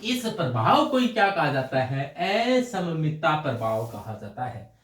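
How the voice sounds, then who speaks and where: A man's voice: a little high, big pitch swings, unhurried, far from the mic. A man teaching a chemistry class, explaining step by step and answering his own questions. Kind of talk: classroom lecture. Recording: roomy echo, voice from off mic.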